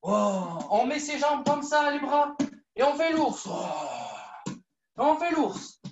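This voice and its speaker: A woman with a high voice leads a children's judo class, coaxing and lively as she repeats every instruction. She sounds echoey and far from the mic, as if filmed across a room. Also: slow, dull audio, noisy background. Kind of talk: live online kids' class, story-led exercises.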